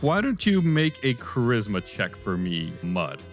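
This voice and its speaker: A man's voice: on the low side, huge pitch swings, a little slow. A man narrating as game master in a playful way, often breaking into laughter. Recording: faint music behind.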